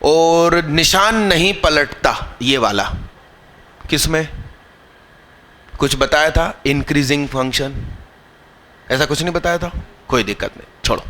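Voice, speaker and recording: Bright, slow-talking male math teacher. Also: on the high side. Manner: scolding, teasing students mid-lesson; questions the class and drills terms slowly. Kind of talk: live classroom lecture.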